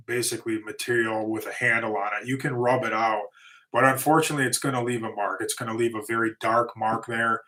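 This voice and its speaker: This laid-back man runs a lawn and concrete business and is hosting a casual livestream Q&A, reading questions from chat. His medium-pitched, slightly bright voice is starting to tire and fade. He talks in an easygoing, rambling way, restarting sentences and dropping in fillers.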